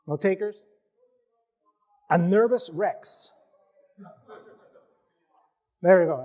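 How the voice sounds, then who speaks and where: Upbeat man with a high voice. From United States. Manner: upbeat, animated delivery with frequent "uh" fillers. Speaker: company CEO giving a conference talk. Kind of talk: tech conference presentation. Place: conference session room.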